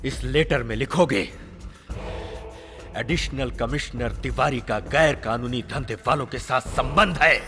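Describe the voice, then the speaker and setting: An actor playing a domineering home minister who bullies subordinates and erupts into shouting. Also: male voice, medium pitch, measured pace, soft background music. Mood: furious. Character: furious corrupt home minister, male, commanding.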